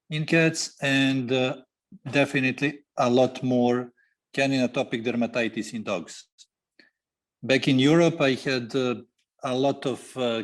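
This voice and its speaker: Man with halting speech. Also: mid-range voice. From Serbia. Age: 40s. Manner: halting, many fillers, non-native grammar. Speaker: guest veterinarian. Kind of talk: podcast interview.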